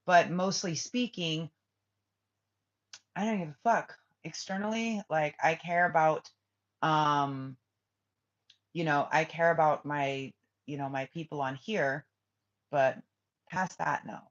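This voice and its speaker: On a live stream, a spiritual reader speaks slowly in a mid-range voice with fairly even intonation and frequent pauses. She loops through half-finished thoughts, trailing off and restarting, before landing on blunt, profane replies to viewer comments. The audio is dull and lo-fi, like a muffled stream.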